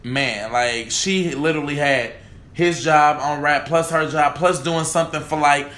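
A man's voice: fairly high pitch, steady tone, unhurried, fairly bright tone. A man in casual podcast chat, telling stories in an emphatic, rambling way. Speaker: podcast co-host. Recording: echoey room.

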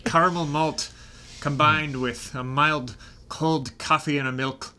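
A man's voice: a little high, steady tone, a little slow, pushed and bright, a little hiss or hum. A man voicing an old, stubborn dwarf pub keeper with an accent who rambles about beer, in a tabletop game. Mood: earnest. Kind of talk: tabletop role-play.

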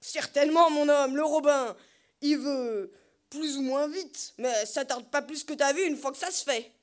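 Woman doing a loud gruff old farmer uncle. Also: sits high, a little slow. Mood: jovial. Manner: loud rustic scolding. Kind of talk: audiobook character voice.

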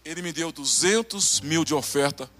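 A male pastor with a Brazilian Portuguese accent preaching a testimony sermon, acting out conversations and swinging between loud bursts and hushed lines. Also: on the high side, normal speed, soft background music.

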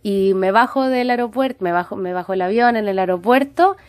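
A woman's voice: medium pitch, fairly quick, a little mellow, no room sound. A young woman, hosting and telling a personal story in a dramatic, emotive way, with many restarts. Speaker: host.

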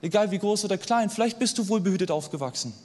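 A young man delivers a sermon in a casual, lively way, often turning to his listeners with a quick question. His voice sits fairly high. A long reverb from the hall trails each phrase. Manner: lively, conversational, asks the audience "oder?" often. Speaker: preacher.

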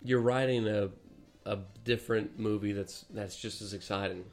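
A man's voice: fairly low pitch, normal speed, faint music behind. A man co-hosting a casual podcast, animatedly retelling a movie with swearing and laughter. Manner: animated storytelling, swearing, laughing mid-story. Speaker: podcast co-host. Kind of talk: casual chat.

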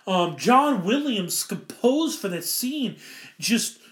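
A man's voice: high-pitched, big pitch swings, slow, a bit bright, echoey room. A man giving casual, enthusiastic film commentary, rambling and often correcting himself mid-sentence. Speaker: film reviewer.

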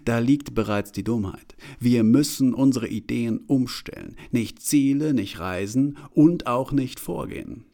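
A man's voice: mid-range voice, unhurried, gravelly, few pauses, mellow. A man reading as a blunt philosophizing woman. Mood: assertive. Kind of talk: audiobook reading.

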